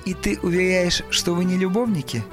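A man voicing a wry, level-headed young male musician who speaks in a measured, sardonic way. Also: high-pitched, steady tone, music in the background, voice pushed up, lightly acted.

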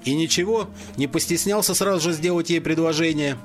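A man's voice: fairly high pitch, a little fast, soft background music, voice pushed up, natural voice. A man voicing a good-natured father who teases his sons in an audiobook. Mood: teasing. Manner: hearty, teasing. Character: good-natured joking father of two boys.

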